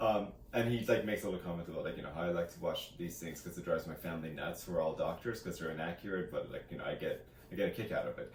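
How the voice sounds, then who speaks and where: Co-hosting a book review channel, this man speaks quickly in a low voice with hardly any pauses. His casual book chat is a rambling retelling, frequently punctuated by acted-out quotes, captured with roomy echo, a distant mic, and faint hiss.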